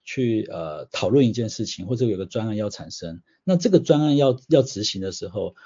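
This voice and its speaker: A man speaks in a low, husky, mellow voice. He explains patiently, using everyday examples. The audio sounds slightly dull. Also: animated, a little fast. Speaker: guest, systems change consultant. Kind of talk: explanatory interview answers.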